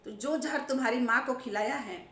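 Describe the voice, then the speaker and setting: A woman playing a tired old father in a folk story, speaking calmly and confidingly to his grown children. Her voice stays close to her own, a little high, with a strong echo from the room. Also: brisk. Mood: weary. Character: old father, weary and scheming.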